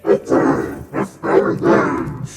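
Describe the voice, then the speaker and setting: A gamer talking through a voice changer that drops the voice to an extreme, rumbling low, which turns their goofy, self-mocking commentary into something slow and dragging. The sound is echoey and set back from the mic, with game music playing underneath. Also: completely flat delivery, distant mic. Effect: voice changer pitching the voice very deep. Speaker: streamer playing a platform game. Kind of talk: casual gameplay commentary.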